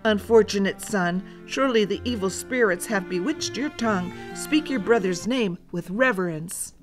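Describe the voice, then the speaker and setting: A woman's voice: medium pitch, normal speed, faint music behind, lightly acted, poor audio. A woman voicing a stern, impatient mother in a children's folktale, with formal, scolding phrasing. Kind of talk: children's storybook character voice.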